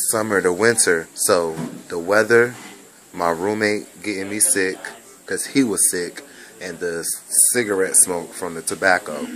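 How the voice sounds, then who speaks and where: A man's voice: deep voice, pushed and bright. A young man with a mixed Bahamian, Jamaican and American accent, recovering from bronchitis and rambling through a casual video message. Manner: rambling, repetitive, drawn-out. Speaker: vlogger recording a personal message. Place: hospital room.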